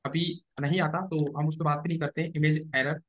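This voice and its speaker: With a fairly high pitch and flat delivery, a man teaches an SEO class live at a slightly fast pace, explaining and regularly checking that students keep up. The classroom audio is dull and lo-fi.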